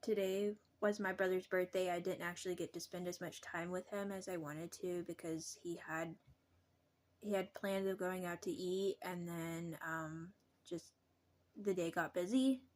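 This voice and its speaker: A young adult woman talking casually to her vlog viewers, halting and pausing often mid-sentence. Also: on the low side, steady tone. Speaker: vlogger.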